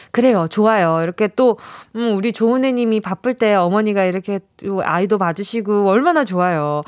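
A woman's voice: fairly high pitch, dry recording, clean studio sound. A young woman hosting a radio show, playfully announcing a giveaway and reading listener texts aloud with a bubbly, dramatic delivery. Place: radio studio. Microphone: studio mic.

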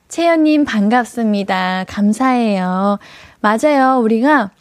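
A young woman radio host with a slightly high voice, close on a studio mic with a very dry sound. She reads listener messages with a playful, joking streak and turns softly comforting when she replies. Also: no echo. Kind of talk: live radio hosting, reading listener messages. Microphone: studio microphone.

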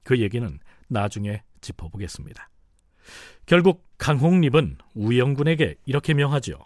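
Animated male history show host. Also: medium pitch, moderate pace, no room sound, clean studio sound. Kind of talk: scripted history programme narration.

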